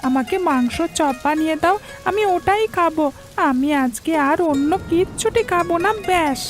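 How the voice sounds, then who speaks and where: A woman's voice: sits high, normal speed, soft background music, lightly acted. A woman doing a whiny little boy. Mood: pleading. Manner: whiny, pleading. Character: small pleading village boy. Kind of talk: Bengali cartoon voice acting.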